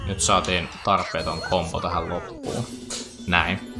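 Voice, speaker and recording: A man's voice: low-pitched, level tone. A man giving chatty, joking let's play commentary over a video game, with playful asides. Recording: faint game music behind.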